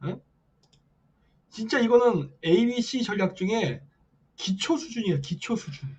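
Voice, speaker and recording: A man's voice: high voice, expressive, measured pace, darkish tone, husky. A man hosting a late-night political stream, reading viewer comments and firing off rhetorical questions with a repeated "eh?" tag. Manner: reads viewer comments aloud. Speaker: live-stream host.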